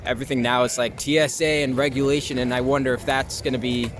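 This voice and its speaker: Quick and mid-range with little pitch movement, this young American man's voice carries over traffic noise outdoors in the city. An actor-filmmaker from Long Island, he answers street interview questions informally, working things out as he goes.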